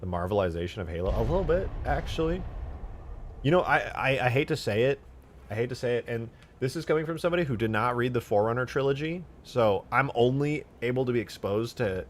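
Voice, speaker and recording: A young man streaming from home, ranting in casual chat, swinging from mutters to loud outbursts and cursing a lot. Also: medium pitch, slight background noise.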